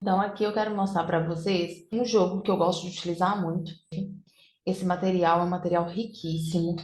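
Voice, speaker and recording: A woman teaching parents in an online class, slowly and deliberately sounding out letters and syllables. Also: fairly low pitch, flat delivery, darkish tone, reverberant. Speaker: literacy teacher. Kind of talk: online class demonstrating phonics materials.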